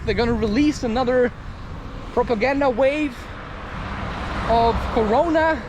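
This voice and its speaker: Speaking a little slowly in a very high voice, a man rambles candidly through a personal vlog monologue against a noisy background. The vlogger and podcaster muses as he goes, often tacking on tag questions to seek agreement.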